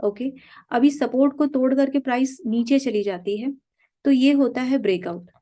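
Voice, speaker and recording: A woman's voice: sits high, normal speed, mellow. A woman teaching stock trading, explaining points over a chart in a patient way, often saying "okay" and asking questions herself before she answers them.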